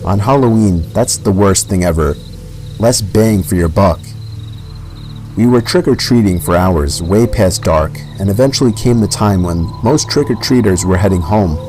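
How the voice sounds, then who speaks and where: A man with a fairly low voice tells a first-person horror story in an unhurried, measured way. Quiet music plays faintly under his narration. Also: rough recording.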